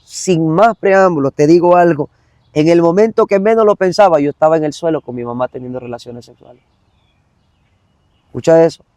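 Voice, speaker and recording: A man's voice: on the high side, fairly quick, a little mellow, dry recording. A man giving an emotional personal testimony as an evangelist guest, earnest and repetitive, speaking straight to the listener.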